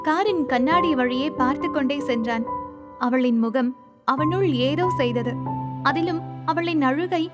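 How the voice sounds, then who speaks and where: A woman narrating an audiobook in a smooth, even storytelling voice. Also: high-pitched, a little slow. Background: background music.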